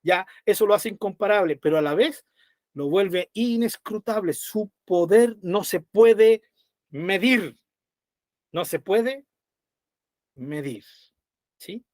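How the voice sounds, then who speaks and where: A man leading a conversational Bible study, animated, retelling scenes and checking in with his listeners as he goes. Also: high voice, slow pace, pauses often, no echo, clean studio sound.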